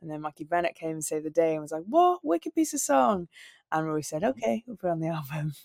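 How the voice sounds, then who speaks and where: A woman's voice: fairly low pitch, very animated, a little fast, gravelly, no room sound, studio quality. A young woman from Wales, a singer and radio presenter, answering interview questions in an earnest, storytelling way. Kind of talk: interview conversation.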